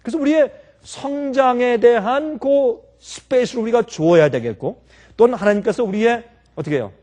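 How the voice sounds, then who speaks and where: A man's voice: very high voice, normal speed. A man preaching a sermon as pastor, talking to the congregation with many rhetorical questions and acted-out everyday scenes. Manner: lively, acts out everyday scenes and quotes.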